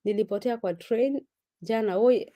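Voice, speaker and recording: A woman's voice: fairly high pitch, normal speed, mellow. A woman chatting casually on a live stream, reading viewer comments aloud and greeting each viewer by name, now and then slipping into Swahili words. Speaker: vlogger reading live chat.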